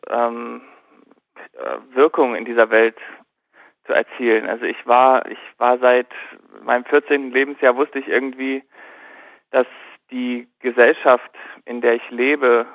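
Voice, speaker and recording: A man being interviewed over the phone. He speaks in a thoughtful, halting way and often pauses to search for words. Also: medium pitch, no echo. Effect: thin phone-line sound, like a headset call. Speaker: interview guest. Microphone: telephone. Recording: tinny, dry phone line.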